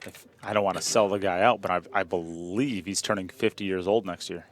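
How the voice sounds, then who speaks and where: A man's voice: low-pitched, steady tone, fairly quick. A man commentating a pool match in a chatty, joking way, often repeating himself. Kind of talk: live sports commentary.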